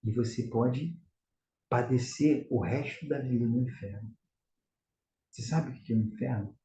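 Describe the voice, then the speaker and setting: In an echoey room with a slightly dull recording, a Carioca-accented man from Rio de Janeiro gives a religious class about prayer. Addressing his listeners as brothers, he exhorts them earnestly in a medium-pitched, dark voice, speaking a little slowly.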